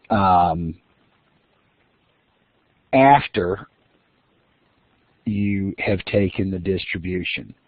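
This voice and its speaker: Speaking in a fairly low voice, a male instructor walks through his lecture step by step, with frequent fillers and restarts. It's captured on dry, echo-free, phone-like low-fidelity audio.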